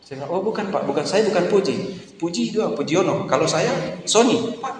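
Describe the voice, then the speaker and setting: A man's voice: sits high, animated, brisk, a little hiss or hum. A middle-aged male pastor preaching a sermon, telling stories and acting out the people in them. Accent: Indonesian. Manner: anecdotal, jokey, acts out quoted voices. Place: church hall. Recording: echoey church hall with long reverb.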